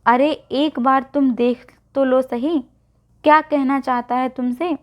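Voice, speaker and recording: A woman's voice: sits high, fairly even intonation, slow pace. A woman storyteller voicing a young woman's close friend who talks in an insistent, coaxing way. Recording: dull lo-fi recording.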